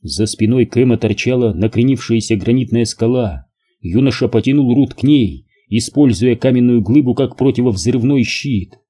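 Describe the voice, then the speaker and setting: This male audiobook narrator has a very dark, mellow voice with a husky edge. He reads evenly and in a measured way, at a middle pitch.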